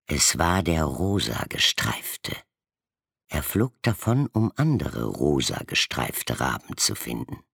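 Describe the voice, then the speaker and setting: A man's voice: extremely low pitch, huge pitch swings, takes it slowly, creaky, a bit bright, slightly rough, no echo, clean studio sound. A man reading a fable aloud as a storyteller, giving each animal its own voice.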